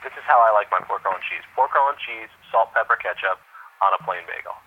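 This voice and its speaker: A man's voice: fairly low pitch, fast, narrow, tinny audio, a little hiss or hum. A man chatting casually as an opinionated interview guest. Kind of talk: casual chat.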